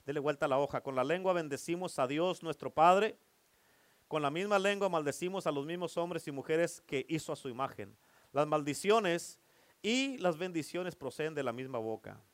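A man preaching from the pulpit, his voice sitting a bit higher than most men's. He teases his listeners and keeps asking for amens. The sound is dry and close, with almost no room echo. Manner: playful, teasing preacher who keeps calling for amens. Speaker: pastor. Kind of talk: sermon. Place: church.

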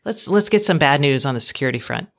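A woman's voice: very deep voice, lively intonation, quick pace, creaky, fairly bright tone. A woman co-hosting a tech podcast, talking frankly in casual chat with dry asides that trail off. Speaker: podcast co-host.

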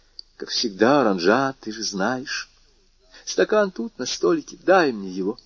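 A man's voice: medium pitch, big pitch swings, measured pace, husky, no echo, exaggerated voice. A man voicing a feverish, proud old woman who speaks urgently and pleads in a raised voice. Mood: insistent. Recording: dull dry lo-fi audiobook.

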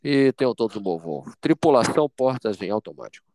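A man's voice: mid-range voice, expressive, fairly quick, darkish tone, no room sound, lightly acted. A man doing a pompous airline pilot announcement. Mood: mock-formal. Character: male airline pilot making a cabin announcement. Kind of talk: mock airline cabin announcement in a podcast chat.

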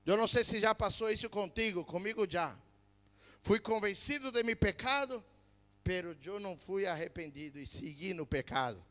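A man preaching a fervent sermon, swinging from loud emphatic peaks to low quiet asides. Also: animated, moderate pace, big-room sound.

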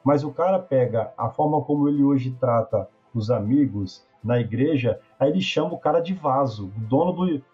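A man with a Brazilian accent talking casually, telling animated, slangy work stories full of asides. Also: medium pitch, normal speed, few pauses, slightly rough, faint music behind. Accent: Brazilian Portuguese. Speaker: podcast guest talking about trade work. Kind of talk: casual chat. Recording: muffled, slightly lo-fi sound.

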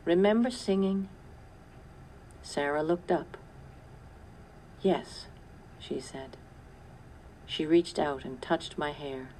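A woman reading a children's story aloud in a measured first-person narration. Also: low voice, fairly even intonation, darkish tone, a little hiss or hum. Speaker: audiobook narrator.

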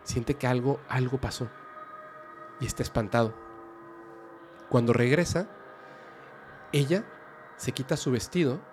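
Brief: man, dramatic storyteller, builds suspense, faint music behind. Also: medium pitch. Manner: lively, suspenseful, with sudden loud bursts.

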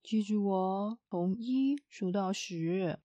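A woman voicing a kind-hearted male tramp in a storybook, speaking in a soothing, unhurried way. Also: mid-range voice, animated, dark tone, no room sound. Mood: gentle. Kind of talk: storybook reading.

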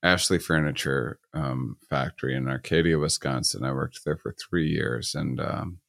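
A man hosting a casual conversation, talking haltingly with many repeated words and fillers. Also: rumbling low, vocal fry, a bit bright, no echo.

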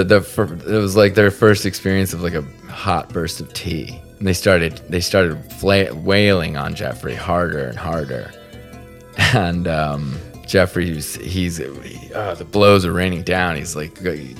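A man from the Salt Lake area hosting a podcast, telling a funny story casually, swearing freely and laughing at himself. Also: sits low. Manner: swears freely, animated and self-deprecating. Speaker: podcast host.

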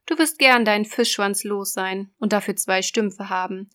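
A woman voicing a cruel, scheming old sea witch in a storybook reading, loud and sneering. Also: medium pitch, moderate pace, lightly acted. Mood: menacing, sneering.

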